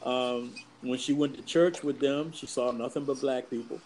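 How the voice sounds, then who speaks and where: A man in his fifties with a mid-range voice shares memories in an unhurried, reflective way. He comes from the US East Coast and speaks as a guest in a relaxed conversation, pausing to think as he goes. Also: medium pitch, a little hiss or hum, poor audio. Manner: reflective, measured storyteller. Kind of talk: casual conversation, personal storytelling.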